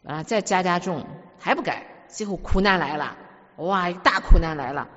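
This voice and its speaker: A woman's voice: lowish voice, moderate pace, a bit bright. A woman preacher giving a sermon, emphatic and full of stories, often repeating words as she speaks. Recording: dull recording with long hall reverb.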